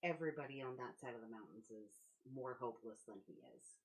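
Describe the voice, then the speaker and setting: A woman's voice: very deep voice, a little fast. A woman playing a tabletop role-playing game, speaking in character in a blunt, dry, skeptical manner.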